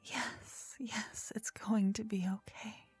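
A woman playing an obsessive, lovestruck fantasy stalker in a sultry, breathy, soothing whispered role-play, tender and possessive. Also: medium pitch, steady tone, faint music behind, heavily acted. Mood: yearning, possessive. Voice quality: breathy, soft. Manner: sultry, breathy, slow, soothing narration to the listener.

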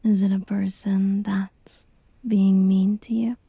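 A woman whispering a tender, reassuring girlfriend roleplay in a soft, soothing ASMR style. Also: medium pitch, little pitch movement, takes it slowly, creaky, slightly rough, no echo.

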